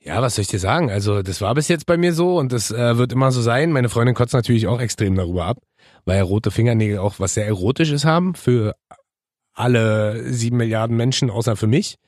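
Fast-talking man in casual podcast chat. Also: mid-range voice, a little mellow, no echo, studio quality. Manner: chatty, teasing, with filler hesitations. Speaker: podcast co-host.

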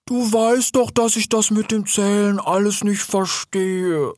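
A big, childlike male bear speaks in a high, slow, plaintive voice, as a man puts him on. He is soft-hearted and quick to fret. The reading is dry and close. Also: no echo. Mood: sorrowful.

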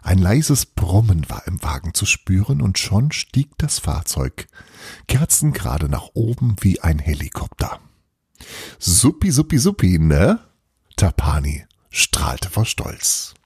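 A man reading a children's story aloud in a slow, expressive way. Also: low-pitched, husky, no room sound, studio quality. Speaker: reader.

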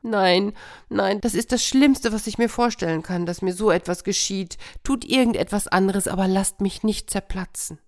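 A woman voicing a boastful, tricky male hare in a told fairy tale, shrill and loud. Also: big pitch swings, normal speed, few pauses. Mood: mock pleading. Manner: shrill, pleading and cocky.

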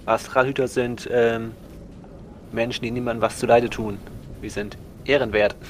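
A male player with a medium-pitched voice speaks in character in a tabletop role-play. There is noise behind him. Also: steady tone, moderate pace.

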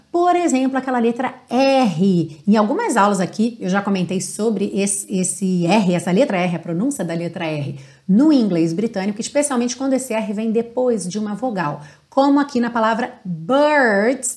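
A Brazilian woman teaching English online, explaining patiently and drawing out example words slowly. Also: fairly high pitch, darkish tone. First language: Portuguese. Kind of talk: online English lesson on song lyrics.

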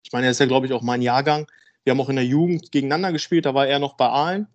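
A man in his thirties from Germany, a football player talking frankly and a bit haltingly as a podcast guest. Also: mid-range voice, fairly even intonation, muffled recording. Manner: frank, rambling, hesitant. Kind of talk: casual podcast interview.

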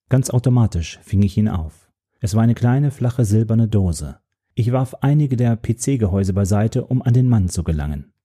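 A man reading a story in calm, measured first-person narration. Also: fairly low pitch, husky. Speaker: audiobook narrator.

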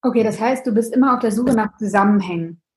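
A woman hosts a career podcast, introducing her guest and asking friendly interview questions. She speaks fast at medium pitch, and the recording quality is low.

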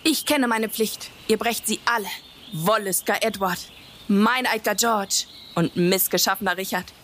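A woman's voice: medium pitch, unhurried, a bit bright, natural voice. A woman playing a proud, defiant captive young prince, haughtily declaiming classical verse. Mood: defiant, accusing. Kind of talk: classical stage verse acting. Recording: faint ambient noise.

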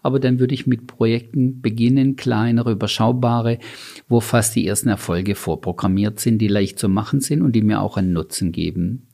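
A middle-aged man, a company founder, giving measured, deliberate interview answers that he sets out in lists. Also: mid-range voice, gravelly, mellow. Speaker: company founder and guest expert.

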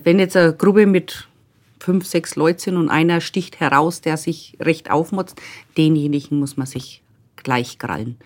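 A woman's voice: sits low, measured pace. Blunt middle-aged woman telling stories. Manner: blunt, matter-of-fact storyteller who acts out dialogue. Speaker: transit service staff member. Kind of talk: telling anecdotes in a podcast interview.

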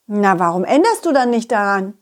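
A woman's voice: mid-range voice, sing-song, a little fast. A woman telling a children's story in a playful, coaxing way.

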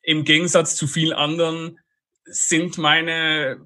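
A man's voice: a little high, monotone, slow pace, pushed and bright. A Swiss man with a Swiss German accent, a guest in a casual podcast interview, chatty and full of fillers and laughs. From Switzerland. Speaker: guest, online marketer.

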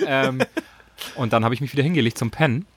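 A man co-hosting a casual podcast, talking in a relaxed, hesitant way. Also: mid-range voice, fairly quick, dry recording. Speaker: podcast co-host.

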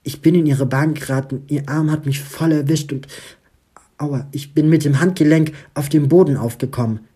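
A man's voice: medium pitch, steady tone, measured pace, warm tone, breathy edge. A man voicing an injured female nurse in pain in an audiobook reading, talking in a pained, flustered way.

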